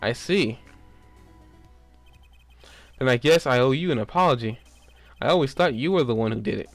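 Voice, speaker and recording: A man voicing a probing, excitable defence lawyer in a video game, with an expressive questioning manner. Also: medium pitch, moderate pace, dry recording, soft background music, natural voice. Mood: puzzled.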